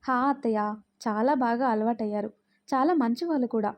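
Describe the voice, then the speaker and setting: A woman voicing a polite, soft-spoken young mother. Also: a little high, brisk, natural voice. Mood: gentle. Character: gentle, grateful young mother.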